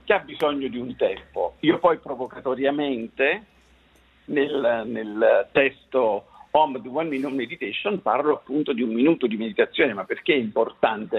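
A man on speakerphone as a guest, explaining in a measured way and repeating words for emphasis. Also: medium pitch, slightly rough. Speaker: guest author. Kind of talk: explaining meditation on a radio talk show. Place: outdoors-ish countryside home. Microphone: phone on speakerphone. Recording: tinny distorted phone line.

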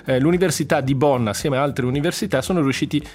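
Man calmly explaining on radio. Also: medium pitch. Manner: measured explaining, frequent hesitant fillers. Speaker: radio co-host. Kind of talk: news item in casual radio chat.

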